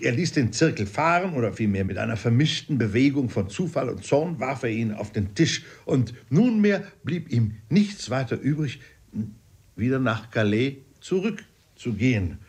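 Husky male audiobook narrator. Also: medium pitch, a little mellow. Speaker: audiobook reader. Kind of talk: literary narration.

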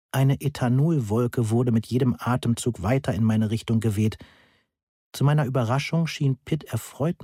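A man's voice: mid-range voice, mellow, husky, no echo, clean studio sound. A man reading a novel aloud in the first person, precise and matter-of-fact. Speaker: audiobook narrator.

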